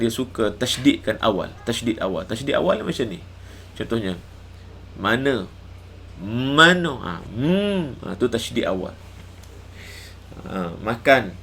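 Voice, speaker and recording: A middle-aged man teaching recitation live, explaining patiently and chanting drawn-out examples. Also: medium pitch, creaky, slight background noise.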